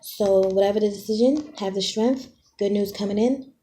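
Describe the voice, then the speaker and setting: A woman's voice: medium pitch, normal speed, mellow. A woman doing a casual tarot reading for her viewers. She is chatty and direct, uses playful slang, and keeps checking in with "okay?". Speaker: tarot reader.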